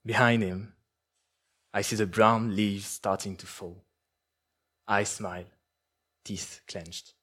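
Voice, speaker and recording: A man, an author, reads his prose in a measured, poetic way, then answers questions haltingly with restarts. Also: on the low side, steady tone, a bit bright, slightly rough. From France. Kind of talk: literary reading and interview answers.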